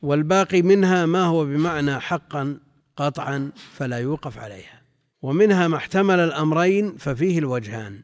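A man's voice: on the high side, expressive, dry recording. Dry-voiced man teaching a classical text. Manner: reads quoted sources, then explains in a measured way; repeats phrases and corrects himself mid-word. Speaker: Islamic scholar teaching a text. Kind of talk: classical text lesson with commentary.

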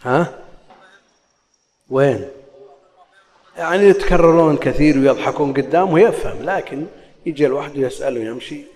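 A man's voice: on the high side, moderate pace, pauses often, darkish tone. Man teaching in a reverberant hall. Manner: explanatory, shifts between classical recitation and colloquial dialect. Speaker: Islamic scholar teaching hadith. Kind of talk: religious lesson, explaining hadith.

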